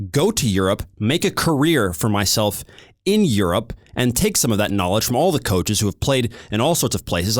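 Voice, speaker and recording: American male podcast host; fiery, emphatic ranter with a very lively pitch. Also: no room sound, studio quality. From United States. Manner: heated, animated, emphatic. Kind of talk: ranting podcast monologue.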